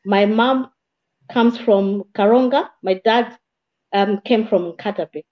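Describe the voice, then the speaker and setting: A woman from Malawi tells her life story as an interview guest, in a measured, plain voice with the odd restart. Her voice sits in a middle register for a woman. The sound is a little dull and muffled. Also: medium pitch. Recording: slightly dull, muffled audio.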